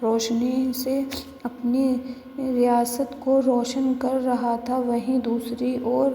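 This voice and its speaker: Gravelly woman narrating a story. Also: on the high side, flat delivery, dark tone, soft background music. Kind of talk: read-aloud story narration. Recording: echoey room with long reverb, faint ambience.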